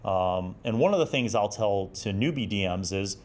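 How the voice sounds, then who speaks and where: This fairly low, slightly mellow male voice is animated and moves at a normal speed. Host of a tabletop RPG review show and in his forties, he discusses magazine articles, reads excerpts, and shares advice in an encouraging, explanatory, conversational tone.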